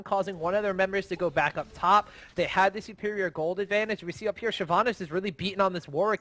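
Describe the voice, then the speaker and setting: A high-pitched male caster calls a competitive video game match. He breaks down the teams' strategy in a steady, analytical way, with a clear, upper-register voice. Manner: steady analytical play-calling. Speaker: esports caster. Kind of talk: play-by-play commentary.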